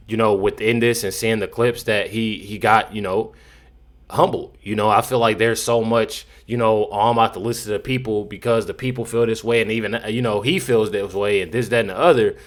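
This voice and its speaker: Man, low voice, casual commentator, rambling, repetitive, unscripted. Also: a bit bright. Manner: rambling, repeats himself, frequent "you know". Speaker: commentator reacting to news clips.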